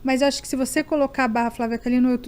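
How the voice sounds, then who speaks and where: A woman with a Brazilian accent, a podcast guest talking in an animated way, laughing often and restarting her sentences. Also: high voice, racing, clean tone. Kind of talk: casual chat.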